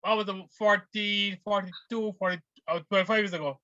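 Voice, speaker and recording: A middle-aged man from Barbados answering interview questions in a hesitant, halting way with many restarts. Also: high voice, steady tone, pushed and bright. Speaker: guest. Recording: dull lo-fi sound.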